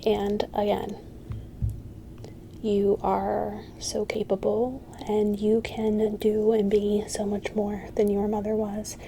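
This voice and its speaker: Female, whispered ASMR pep talk. Reassuring, halting delivery, mellow and fairly even, faint noise behind. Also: mid-range voice, vocal fry, low-quality recording. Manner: whispered, soft-spoken and halting; reassuring, encouraging. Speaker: ASMR creator.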